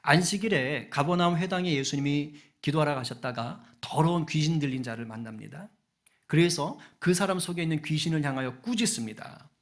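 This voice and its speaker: A middle-aged pastor preaching a sermon in an earnest way, often putting questions to the congregation. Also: male voice, a little high, a little fast.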